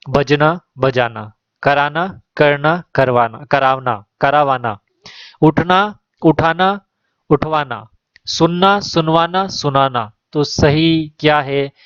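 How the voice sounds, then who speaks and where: A man's voice: on the high side, a bit bright, clean tone, no room sound, highs cut off. A man who works as a teacher, going through exam questions one by one: he reads each question and its options, then gives the right answer.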